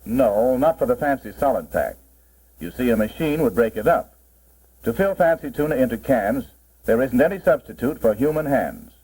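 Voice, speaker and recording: A man's voice: medium pitch, lively intonation, normal speed, a little mellow, husky. A man presenting as a proud company spokesman, narrating a 1940s promotional film in a formal, salesmanlike style. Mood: explanatory. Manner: formal, salesmanlike, mid-century narrator delivery. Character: company man presenting his product with pride. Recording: muffled, worn 1940s film soundtrack.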